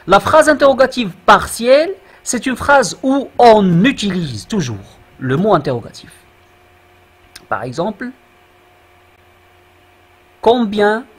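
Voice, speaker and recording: Slow, husky male teacher. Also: high-pitched, a bit bright. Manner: slow, repeats and checks with "d'accord?". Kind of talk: classroom grammar lesson.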